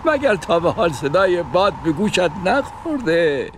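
A man's voice: high voice, very animated, background noise. A man voicing a kindly, wise wandering dervish who reassures his companion in an audio story. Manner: gentle, reassuring, unhurried. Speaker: second dervish.

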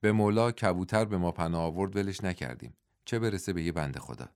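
A man's voice: low-pitched, clear, resonant tone, no echo, studio quality, natural voice. A man voicing a kind, protective young man. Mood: reassuring. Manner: warm, reassuring.

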